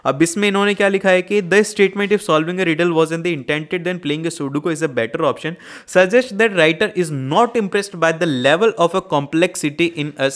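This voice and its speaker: A man teaching an exam prep lesson to students. He explains in Hindi mixed with English terms and reads answer passages aloud slowly. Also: a little high. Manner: addresses students directly, asks for comments.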